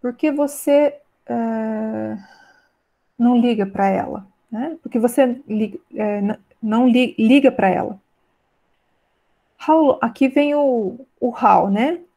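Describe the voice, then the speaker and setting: Teacher, mellow voice, English examples. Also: female voice, on the high side. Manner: explains in Portuguese, reads English examples slowly and clearly; keeps checking in with "né?" and "tá?". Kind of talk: online class lesson.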